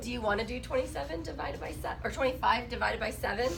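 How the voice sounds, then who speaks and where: Sick and rough-voiced, a woman teaches a math class, asking her students questions and joking with them. Her voice is fairly high and gravelly, she speaks fast, and the recording quality is low.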